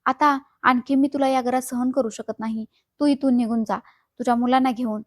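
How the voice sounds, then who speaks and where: A woman's voice: fairly high pitch, fairly even intonation, moderate pace, dry recording, clean studio sound, close to an everyday voice. A woman reading a scornful older mother-in-law. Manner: scolding and dismissive.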